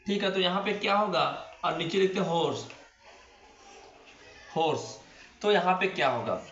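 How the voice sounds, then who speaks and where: A male teacher runs a classroom-style grammar lesson in a high-pitched, expressive, fairly bright voice at normal speed. He keeps asking rhetorical questions and answering them, stretching words out as he spells them, all captured in an echoey room with dull lo-fi sound.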